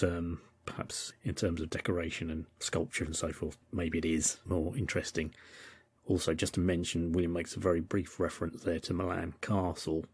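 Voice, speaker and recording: Very deep, husky Englishman musing aloud. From England. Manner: thoughtful, rambling, with frequent hesitations. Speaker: podcast host. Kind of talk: casual podcast commentary.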